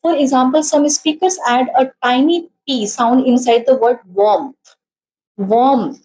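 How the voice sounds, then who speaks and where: A tired woman with an Indian accent teaching an exam-prep lecture, mixing Hindi and English, slow over definitions and quick in her explanations. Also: sits high, a little mellow, rough recording.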